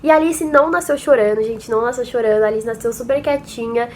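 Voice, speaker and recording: A woman's voice: a little high, fast, slight background noise. A young woman with a Brazilian accent tells a personal story to her viewers in a chatty, emotional way, often calling out to them. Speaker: vlogger. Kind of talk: casual personal storytelling to camera.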